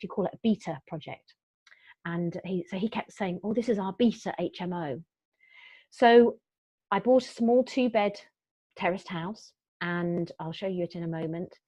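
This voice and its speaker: A woman's voice: lowish voice, a little mellow, dry recording. A middle-aged woman presenting a property investment webinar in a chatty, upbeat way. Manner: chatty, upbeat, with frequent fillers and restarts. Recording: dull, dry lo-fi webinar audio.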